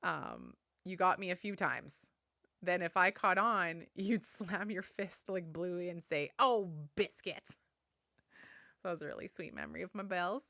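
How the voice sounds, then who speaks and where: A woman, hosting a solo podcast and sharing memories in a soft, heartfelt way, close to the mic. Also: lowish voice, moderate pace, vocal fry, dry recording. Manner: soft, heartfelt, tender storytelling. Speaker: podcast host.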